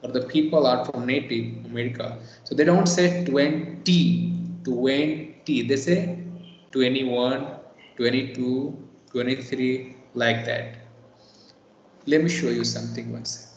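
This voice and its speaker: A man's voice: mid-range voice, normal speed, a little hiss or hum. A man tutoring a student in on a video call, patiently explaining and repeating words to model their sound. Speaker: English teacher. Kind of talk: online one-on-one tutoring. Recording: echoey, dull video call audio.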